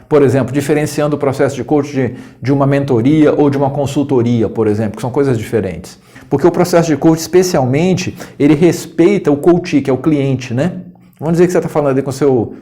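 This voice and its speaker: Brazilian male coach, mid-pitched, chatty lesson to camera, acts out tones. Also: dark tone. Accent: Brazilian Portuguese. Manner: conversational, tag questions, acts out tones of voice with laughs. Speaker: coach and educator. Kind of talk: casual video lesson to camera. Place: indoors, room with scouting decor corner.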